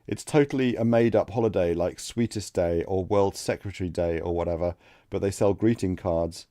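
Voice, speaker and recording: A man reading out the lines of a bored, uptight young woman desk clerk in a text adventure game, in a flat voice. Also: low-pitched, normal speed, no room sound, studio quality.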